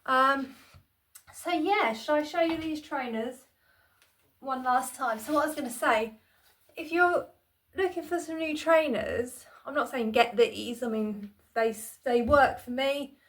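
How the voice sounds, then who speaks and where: Indoors in a small room at home, a chatty woman records a casual vlog on a tripod-mounted phone camera, speaking unhurriedly in a high, slightly bright voice. She rambles, runs herself down, and keeps saying "um" and starting over.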